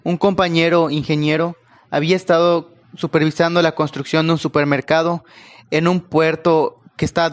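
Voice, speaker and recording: A man telling a first-person horror story, in a calm, unhurried manner with occasional pauses. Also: a little high.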